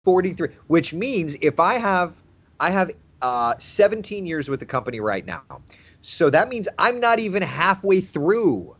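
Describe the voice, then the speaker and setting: Chatty man in his thirties, lively pitch. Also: measured pace, husky. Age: 30s. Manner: chatty, laughs easily, repeats phrases. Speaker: TV meteorologist host. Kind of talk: casual livestream chat reading viewer comments.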